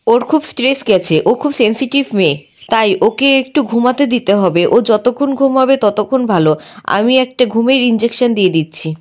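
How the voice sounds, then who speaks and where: A woman voicing a brisk doctor who gives matter-of-fact instructions, close to her own voice. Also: on the high side, lively intonation, lightly acted. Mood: professional.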